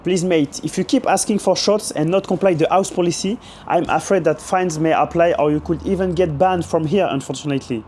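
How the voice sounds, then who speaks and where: Guy doing a formal bartender bit, hoarse, apologetic, kinda high. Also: moderate pace, few pauses, a little mellow, slight background noise, lightly acted. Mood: firm. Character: polite young male bartender refusing drinks.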